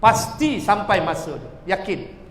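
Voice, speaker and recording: A man's voice: sits high, sing-song, measured pace, fairly bright tone. A male preacher giving a sermon, chanting verses and then explaining them, in a mosque hall. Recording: echoey hall reverb.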